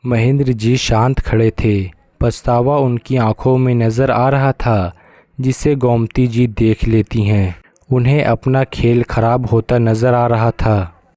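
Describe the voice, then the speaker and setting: A man narrating a romance serial as a bedtime story with a steady, even delivery. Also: medium pitch, takes it slowly, dry recording.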